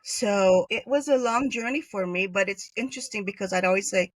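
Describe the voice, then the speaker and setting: A woman's voice: mid-range voice, fairly quick, no room sound. A middle-aged woman from Hawaii tells personal stories as a podcast guest, loose and chatty, with lots of "um" and "you know." Her voice sits in a mid register and sounds close and dry, with no room around it. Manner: chatty, many fillers, laughs while telling stories. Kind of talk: conversational storytelling interview.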